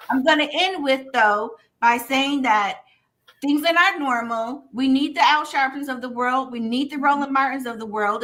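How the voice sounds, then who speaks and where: Woman, journalism teacher, panel guest, bright sharp tone, builds points in lists. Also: sits high. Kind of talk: panel discussion.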